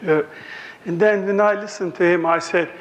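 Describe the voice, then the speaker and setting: A man's voice: high voice, steady tone, normal speed. A man in his sixties from Turkey with a Turkish accent, giving a conference lecture in a joking, anecdotal way. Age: 60s.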